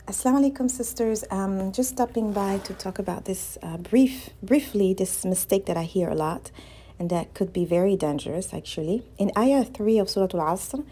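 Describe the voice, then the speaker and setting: A woman's voice: fairly low pitch, warm tone, breathy edge. A woman teaching Quran classes and chatting through a casual vlog, a little congested, laughing easily and sometimes dropping to a near whisper.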